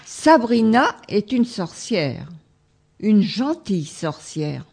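A woman reading a children's fairy tale aloud in a gentle, measured way. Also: mid-range voice, sing-song, husky. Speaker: storyteller.

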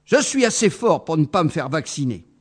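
A man doing a stubborn shouting gorilla. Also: fairly high pitch, very animated, fairly quick, breathy edge, voice pushed up. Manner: shouting, childish insistence. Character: stubborn loud male gorilla patient.

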